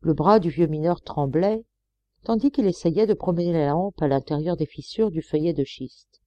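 A woman reading a classic novel aloud as an audiobook, in steady, measured storytelling. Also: deep voice, dry recording, lo-fi sound. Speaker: audiobook reader. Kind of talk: scripted audiobook narration.

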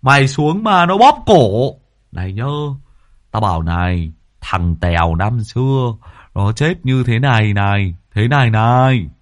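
A man voicing a mischievous young male servant who teases loudly and excitably. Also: lowish voice, unhurried, no echo, clean studio sound. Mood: mocking. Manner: loud, mocking, excitable.

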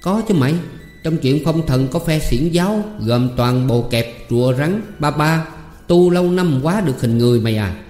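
A man voicing a mischievous, half-crazy young country man, boastful and teasing, in an echoey room with soft music. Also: fairly high pitch, lively intonation, normal speed, pitched above the performer's own voice, natural voice. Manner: boastful, teasing, exclaiming loudly.

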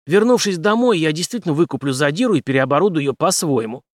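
A stubborn, brash officer pushes his point in forceful, clipped phrases, played by a male audiobook reader. The voice sits fairly high, recorded dry and close. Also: animated, quick pace, dry recording, natural voice.

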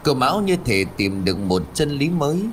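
A male audiobook narrator telling a ghost story with a very lively, moving pitch. He changes his voice and pace for each villager he quotes. Faint noise sits behind him. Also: a little fast.

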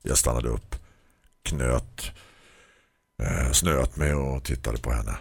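A man's voice: a bass voice, steady tone, gravelly, husky, no room sound. A man, hosting the show and reading a humorous short story aloud, acting out the dialogue. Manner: storytelling, acts out dialogue lines. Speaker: podcast host.

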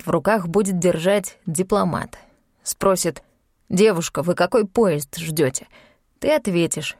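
A woman's voice: medium pitch, a little mellow, no room sound, studio quality, natural voice. A woman reading an audiobook and voicing a curt, commanding young man who grumbles and gives orders. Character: gruff bossy young man, secretive and impatient. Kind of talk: audiobook character voice.

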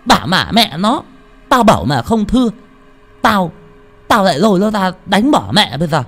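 Tẹo, a shrill spiteful servant girl, as a man puts her on. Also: very animated, moderate pace, darkish tone, soft background music. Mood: furious. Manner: shrill, abusive, snarling.

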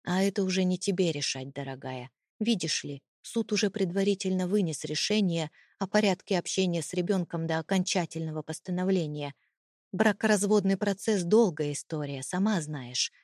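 A woman's voice: on the low side, normal speed, darkish tone, dry recording, clean studio sound, lightly acted. A woman reading an audiobook, voicing a cold, contemptuous, domineering husband with a mocking, menacing manner. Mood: cold menace.

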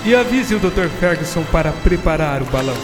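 A man's voice: fairly high pitch, lively intonation, a little fast, lightly acted. A man playing a proud, courteous submarine captain in a radio drama, speaking formally, with long reverb on the voice. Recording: long reverb, music behind.

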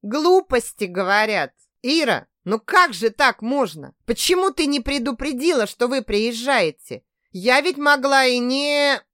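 A woman's voice: high-pitched, lively intonation, unhurried, few pauses, a bit bright, dry recording, clean studio sound, voice pushed up. A woman doing a fretting grandmother. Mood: reproachful. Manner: exclamatory, fretting. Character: flustered grandmother, anxious and fussing. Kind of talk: audiobook character voice.

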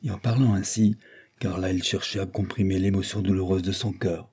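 A man reading a classic novel aloud in a steady, measured narration. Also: low voice, slightly rough. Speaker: audiobook narrator.

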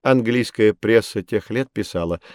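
For a scripted children's history audiobook, a middle-aged man voices an expert with a low-leaning voice, lightly acted. His explanations are calm, patient, and measured, captured on a studio microphone with clean studio sound and no echo.

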